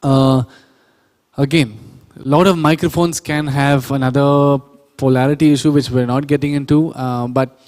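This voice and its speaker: A man leads a hands-on sound engineering class, explaining patiently and pausing to quiz his listeners. His voice is mellow and of middling pitch. It rings with the long reverb of a large hall. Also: steady tone. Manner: explanatory, self-correcting, asks the audience questions. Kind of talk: classroom workshop lecture. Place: church hall or auditorium.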